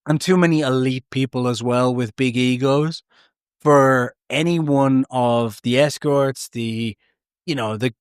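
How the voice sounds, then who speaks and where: A man's voice: mid-range voice, clear, resonant tone, no room sound, studio quality. A man hosting a podcast, narrating a true story with chatty, jokey asides that often break off mid-thought. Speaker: podcast host.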